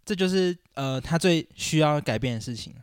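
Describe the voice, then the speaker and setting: A man's voice: a little high, expressive, normal speed, smooth, dry recording, clean studio sound. A young man, co-hosting a podcast, complaining animatedly and acting out quotes. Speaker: podcast co-host. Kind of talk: casual chat about basketball.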